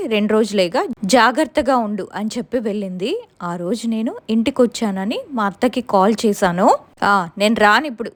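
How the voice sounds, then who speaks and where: A woman's voice: medium pitch, a little mellow. A young woman with a Telugu accent telling a first-person ghost story in an earnest, tense way.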